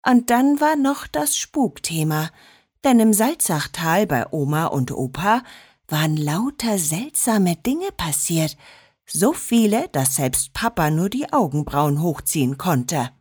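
A woman narrating a children's story in an expressive storytelling manner. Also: on the low side, takes it slowly, husky, dry recording, clean studio sound.

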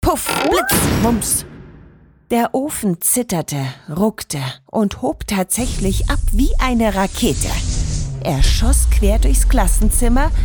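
A woman narrating a children's story in an expressive, lively storytelling manner. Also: on the high side.

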